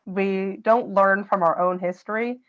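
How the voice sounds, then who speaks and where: A woman co-hosts a casual podcast discussion and explains her points thoughtfully and at length. Her voice sits in an ordinary middle register. She talks in a relaxed, conversational tone. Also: mid-range voice, a little slow, muffled recording. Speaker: podcast co-host.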